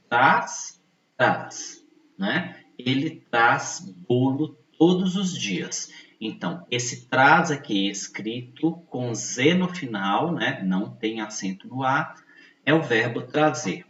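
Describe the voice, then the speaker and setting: A man giving a video lesson, explaining slowly and patiently, often checking in with his listeners and repeating key points. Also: medium pitch, fairly bright tone. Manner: slow, patient, repeats points with frequent tag questions. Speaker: teacher. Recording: echoey, distant, dull-sounding room mic.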